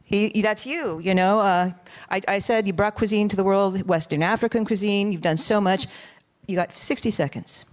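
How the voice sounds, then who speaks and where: Chatty woman moderating a panel. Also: mid-range voice. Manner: chatty and effusive, with quick restarts.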